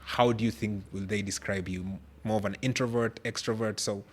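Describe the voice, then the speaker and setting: Male host, lowish pitch, searching, filler-heavy questioner. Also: fairly even intonation, moderate pace. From Kenya. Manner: hesitant, many fillers and restarts while forming questions. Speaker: podcast host. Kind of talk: conversational interview questions.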